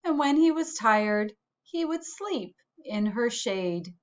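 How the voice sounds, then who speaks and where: A woman's voice: fairly high pitch, animated, slow pace, dull audio. A woman reading a storybook aloud to children, like a school principal addressing pupils.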